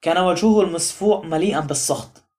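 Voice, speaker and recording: A man narrating an audiobook novel in a measured storytelling manner. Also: a little high, darkish tone. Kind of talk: scripted narration.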